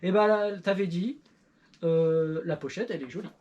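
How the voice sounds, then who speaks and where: A woman's voice: fairly low pitch, normal speed, warm tone, dull audio, slight background noise. A middle-aged woman in casual chat, reviewing an old record with her child in a playful, self-mocking way with many fillers. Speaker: YouTuber and parent.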